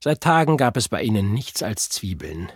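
A man narrating a children's audiobook, with expressive storytelling. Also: on the low side, moderate pace, no echo, studio quality.

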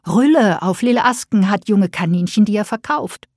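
A woman voicing an easygoing thirteen-year-old boy in a storybook reading, with a husky voice. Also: medium pitch, animated, normal speed, a little mellow, no echo, clean studio sound, close to an everyday voice. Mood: offhand.

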